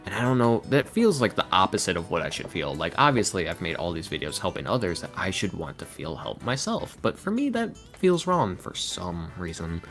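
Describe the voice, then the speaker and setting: In this casual podcast interview, the guest, a voice actor who creates ASMR roleplays, speaks low with big swings in pitch and a fairly bright tone. He goes a little fast with few pauses, rambling earnestly and poking fun at himself. Music plays in the background.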